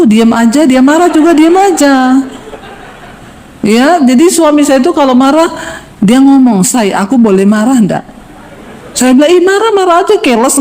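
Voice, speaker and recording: A middle-aged woman pastor from Sulawesi preaches with playful, teasing humor. Her voice jumps to high, bright exclamations, then drops to low, wry asides. She keeps a lively, joking tone throughout the sermon.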